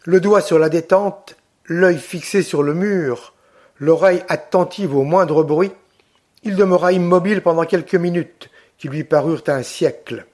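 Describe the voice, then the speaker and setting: A man reads a classic novel aloud at a slow, steady pace. His voice sits fairly high, and he keeps the narration measured and deliberate. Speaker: audiobook reader. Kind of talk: literary audiobook narration.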